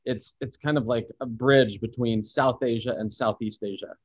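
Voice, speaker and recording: This podcast guest, a man of medium pitch and steady tone, talks at a normal speed with no room sound around him. His conversational storytelling is reflective and expansive, covering travel, teaching and photography, and he describes cultural experiences with warmth.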